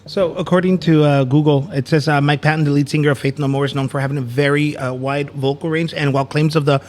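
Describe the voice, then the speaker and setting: A man's voice: on the high side, steady tone, fast talker. A man co-hosting a podcast in casual chat, rambling with many fillers and restarts. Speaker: podcast co-host.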